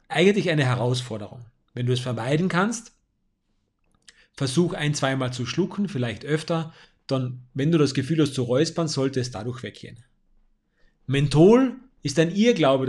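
A man with a somewhat high-pitched voice coaches the listener on public speaking. He speaks to the listener directly in a steady, advisory way, like an experienced stage presenter. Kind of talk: instructional monologue with tips.

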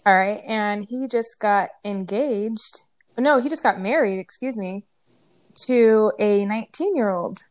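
A woman chatting casually on a podcast, blunt and animated, swearing freely. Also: medium pitch, measured pace. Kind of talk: casual chat.

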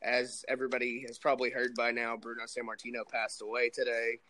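A man's voice: medium pitch, monotone, quick pace, pushed and bright, rough recording. A man co-hosting a casual sports chat, emphatic and a little salty, his voice affected by illness or allergies. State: under the weather with illness or allergies. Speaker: podcast co-host.

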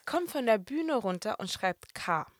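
A young woman telling a story in casual podcast chat, lively and animated, acting out what people said and dropping in English and French phrases. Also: on the high side, unhurried, no room sound, clean studio sound.

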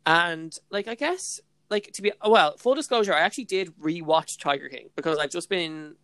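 In a dry recording, a young Irish podcast co-host chats casually at normal speed, her lowish voice expressive and a bit bright. She gushes in a bubbly way, using "like" and "literally" over and over.

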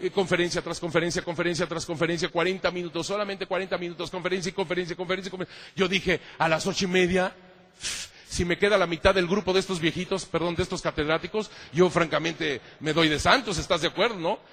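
A man, a priest, preaching with animated stories and a fairly high voice. He hammers phrases through repetition and speaks fondly to his listeners as "mijos." The voice rings with long reverb, as if it fills a large hall. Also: fast talker. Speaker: priest giving a talk. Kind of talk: lively sermon with anecdotes.

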